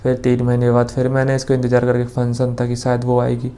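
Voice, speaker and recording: A man's voice: mid-range voice, completely flat delivery, quick pace, dark tone. A young man casually telling a personal story, rambling with restarts and quoting dialogue. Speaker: vlogger.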